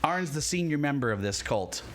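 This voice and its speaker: A man's voice: on the high side, lively intonation, normal speed, a little hiss or hum. A man as game master, casually and playfully narrating a tabletop fantasy game. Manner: playful, informal.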